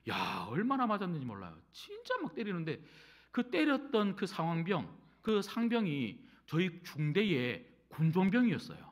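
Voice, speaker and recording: A man's voice: sits high, moderate pace. A middle-aged male pastor preaching a sermon in a church, telling a personal story and speaking straight to the congregation. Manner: animated storytelling, addresses congregation directly. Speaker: senior pastor. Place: church sanctuary.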